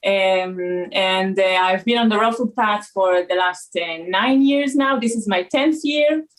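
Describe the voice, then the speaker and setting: A woman in her forties from Israel with an Israeli accent, a raw food consultant talking as a guest in a casual interview, pausing often with uh and um. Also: mid-range voice, poor audio. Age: 40s. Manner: hesitant, many uh and um fillers.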